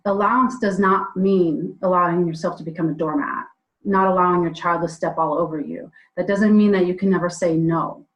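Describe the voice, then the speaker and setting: A woman's voice: lowish voice, fairly even intonation, fairly quick, rough recording. A woman co-hosting a casual podcast over a remote call, telling stories with quoted dialogue. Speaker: co-host. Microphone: remote call mic. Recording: audio dropouts on a call.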